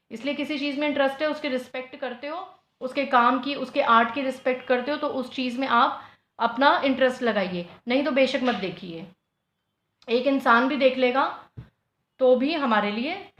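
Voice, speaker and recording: A woman's voice: a little high, a bit bright. A woman reading tarot piles in a casual video, earnest and pleading, mixing English phrases into her talk. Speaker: tarot reader. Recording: echoey, dull lo-fi room sound.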